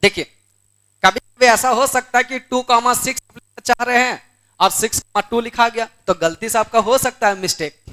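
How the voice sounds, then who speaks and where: A male math teacher runs a board exam lesson at a moderate pace, coaxingly asking questions he then answers himself and scolding students in the room. His very high voice sounds pushed and bright, with faint music in the background.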